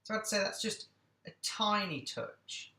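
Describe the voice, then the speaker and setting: A man's voice: sits high, lively intonation, measured pace, sharp tone, echoey room. A man hosting a casual cooking vlog, chatting along with jokey, self-deprecating asides.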